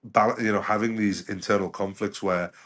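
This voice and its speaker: This doctor, a middle-aged man raised in the UK, has a fairly low, slightly bright voice with a steady tone and normal speed. Appearing as a guest on a podcast, he reflects conversationally, restarting often and leaning on "you know."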